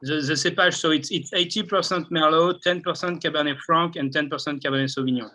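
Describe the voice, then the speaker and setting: A French man speaking English with a French accent, presenting his winery's rosé in halting, searching phrases. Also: fairly high pitch, fairly even intonation, bright, forceful tone, rough recording. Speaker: winemaker. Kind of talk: online tasting talk.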